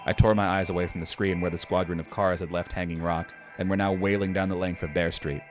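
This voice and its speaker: Older guy narrating a creepy story, wry and chatty, real deep voice, music faint behind. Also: little pitch movement, quick pace. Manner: wry, conversational, profane. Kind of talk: scripted horror story narration.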